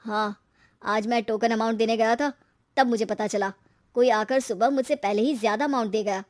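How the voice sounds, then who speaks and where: A woman voicing a young husband and shopkeeper who gets defensive and shouts when upset. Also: a little high, steady tone, moderate pace, natural voice. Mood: dejected.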